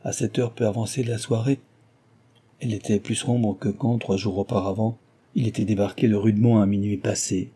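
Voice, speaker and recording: A man's voice: fairly low pitch, slightly rough. A man steadily reading a classic novel aloud as narrator. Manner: steady and measured. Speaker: audiobook narrator.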